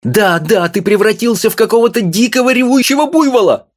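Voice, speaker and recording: A man reading an audiobook, voicing an agitated, shrill little wife who scolds her husband. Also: animated, fairly quick. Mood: exasperated. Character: shrill furious little wife, middle-aged.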